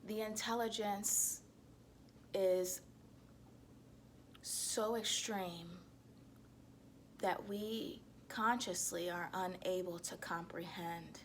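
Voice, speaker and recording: A woman giving a reflective self-help monologue to viewers, speaking in a deliberate, halting way with emphatic repetition. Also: fairly low pitch, little pitch movement, slight background noise.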